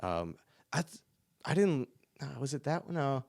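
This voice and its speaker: A man co-hosting a podcast, chatting casually about an album, excitable and prone to disbelieving exclamations. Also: mid-range voice, moderate pace, vocal fry, no echo, clean studio sound. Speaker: podcast co-host. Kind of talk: casual music review chat.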